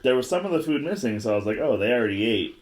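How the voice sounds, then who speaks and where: A man of medium pitch chatting easily in a podcast conversation. He tells stories about himself in a laid-back, self-mocking way. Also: lively intonation, rapid-fire, a little mellow. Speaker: band member. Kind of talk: casual chat.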